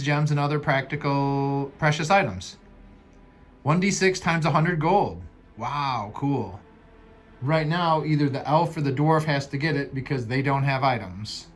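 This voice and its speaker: A man with a slightly high voice, speaking at a moderate pace, acts as game master in a solo tabletop dungeon game. He reads cards aloud, counts moves and dice, and thinks aloud about the rules.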